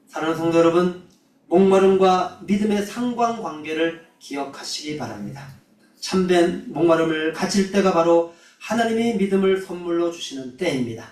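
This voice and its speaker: A man preaching a sermon as a missionary, telling a personal story earnestly and then closing with solemn exhortation. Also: on the high side. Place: church hall. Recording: roomy echo, mic at a distance.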